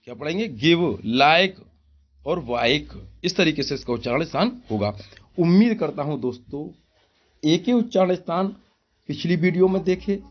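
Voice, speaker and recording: A man's voice: fairly high pitch, highs cut off. A man teaching English pronunciation in a spoken lesson, asking himself repeated questions and calling his listeners brother. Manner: drills with repeated rhetorical questions. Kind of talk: classroom-style spoken lesson.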